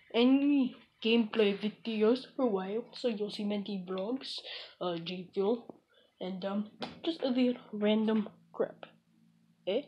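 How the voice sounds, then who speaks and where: A woman's voice: on the high side, muffled recording, slight background noise. A woman hosting a casual gaming vlog, talking in an offhand, jokey way and calling her viewers comrades in a mock Russian voice. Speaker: gaming channel host.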